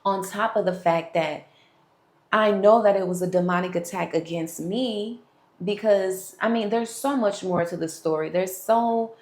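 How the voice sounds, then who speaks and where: A young woman vlogger speaks frankly to her viewers, telling her personal testimony in candid storytelling to camera. Her voice is mid-range, a little slow and mellow, and the room sounds echoey.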